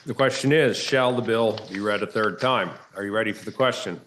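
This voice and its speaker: A man presiding over a state senate, running votes in brisk, routine procedural phrasing. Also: lowish voice, fairly bright tone, slight background noise. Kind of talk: formal parliamentary procedure. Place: legislative chamber.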